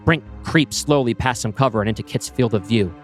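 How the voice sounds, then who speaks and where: With faint music underneath, a man reads a sci-fi screenplay aloud, setting scenes through brisk stage directions. His voice is plain and mid-pitched.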